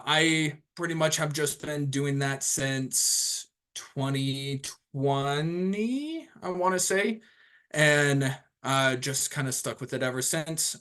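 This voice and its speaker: A young man in his twenties introducing himself at the start of a group video call. His voice sits at a middling pitch, and his talk is loose and easygoing, full of ums and restarts. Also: sharp tone. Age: 20s. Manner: rambling, casual, lots of fillers and restarts. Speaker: host of an online training call.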